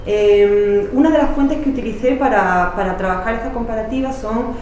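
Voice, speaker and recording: A woman's voice: a little high, normal speed, a little mellow, muffled recording. A woman, a historian explaining her research in a spontaneous academic way, with many fillers and restarts. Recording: echoey room, voice from far off, faint noise.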